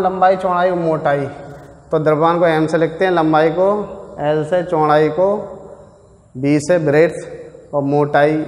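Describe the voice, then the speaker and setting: Male teacher, slightly high voice, patient step-by-step explainer; echoey room with long reverb. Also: darkish tone. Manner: patient, explains step by step, addresses students directly. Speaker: physics teacher. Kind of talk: classroom lecture solving numericals.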